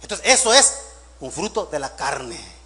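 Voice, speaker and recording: A man preaching with a high, bright, ringing voice. He fires rhetorical questions at the congregation, swells to loud emphatic peaks and then drops to hushed asides. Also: sing-song, unhurried. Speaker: pastor. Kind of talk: sermon.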